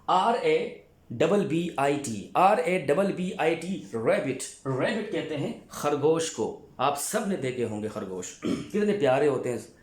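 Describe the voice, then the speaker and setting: A male teacher from Pakistan giving a vocabulary lesson, repeating each word and spelling it out letter by letter. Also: medium pitch. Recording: echoey room.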